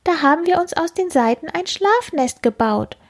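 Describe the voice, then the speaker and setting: A woman voicing small, timid ladybugs in a storybook reading, squeaking in a sheepish way. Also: animated, moderate pace.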